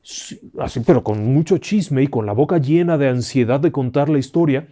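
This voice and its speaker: A man telling a ghost story aloud in a lively, conversational way, acting out the characters' lines. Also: medium pitch, brisk. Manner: animated, acts out the dialogue with filler phrases. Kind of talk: spoken ghost story narration.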